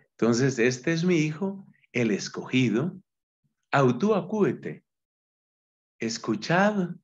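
Slow, patient Colombian friar teaching Greek. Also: male voice, medium pitch. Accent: Colombian Spanish. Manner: slow, patient explanations, chants verse lines slowly. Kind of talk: gentle Bible lesson with sung Greek verse. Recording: slightly dull, lo-fi recording.

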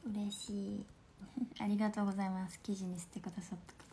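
A woman in her twenties from Fukuoka with a Hakata accent, chatting playfully on a phone livestream at home, laughing often and slipping into soft asides. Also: mid-range voice, level tone, fast talker, a little hiss or hum. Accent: Hakata dialect. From Fukuoka, Japan. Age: 20s. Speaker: livestream host. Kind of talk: casual livestream chat reading viewer comments.

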